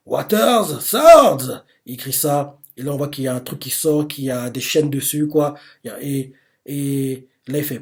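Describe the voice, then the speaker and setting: A young man hosting a live manga reaction, retelling each panel hesitantly, with lots of fillers and pauses. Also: mid-range voice, warm tone. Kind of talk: live manga chapter read-through.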